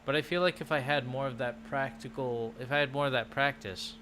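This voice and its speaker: A man's voice: mid-range voice, steady tone, brisk, sharp tone, a little hiss or hum. A man chatting casually on a livestream as he works through language lessons, thinking aloud with many restarts. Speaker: language-learning vlogger. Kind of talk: casual livestream chat while doing lessons.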